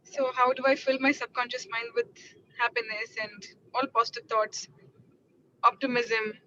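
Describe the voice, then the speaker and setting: A woman's voice: fairly high pitch, steady tone, normal speed, sharp tone. A woman on a group call who asks a question hesitantly, rephrasing it as she goes. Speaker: participant asking a question. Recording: dull call audio with faint background noise.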